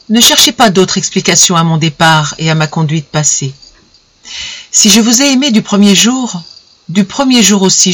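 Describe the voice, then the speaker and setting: A reader voicing an earnest young lover. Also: male voice, sits high, fairly bright tone. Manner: earnest, pleading. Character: young man in love, earnest and tormented.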